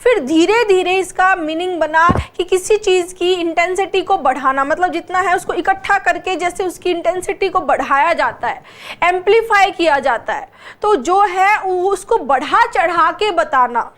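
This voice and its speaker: A woman with an extremely high, slightly bright voice teaches an exam-prep English class at a moderate pace. She explains patiently, spells words out letter by letter and keeps checking in with rhetorical questions.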